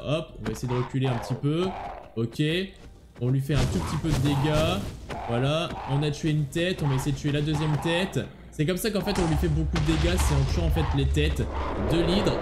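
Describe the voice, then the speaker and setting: Chatty man giving gameplay commentary. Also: a little high. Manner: chatty, talks to viewers, taunts enemies playfully. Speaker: gaming video host.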